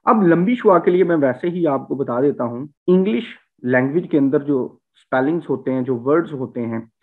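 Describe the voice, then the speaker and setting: A man's voice: fairly high pitch, expressive, normal speed. A man from Punjab teaching English vowel sounds in a lecture, repeating example words with heavy stress. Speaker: language teacher. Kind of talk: spoken phonetics lecture. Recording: tinny phone-like sound.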